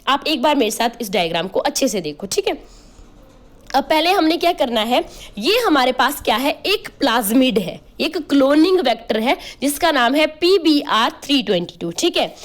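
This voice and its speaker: Lively high-pitched woman teaching. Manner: explains step by step, often asks "clear?" and "okay?"; spells out terms letter by letter, uses playful memory tricks. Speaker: biology teacher. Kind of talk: online class lecture.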